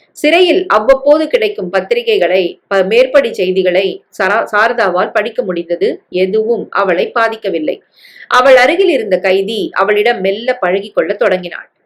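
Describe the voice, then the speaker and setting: A woman narrating a family novel aloud in an even, unhurried way. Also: mid-range voice. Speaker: story reader.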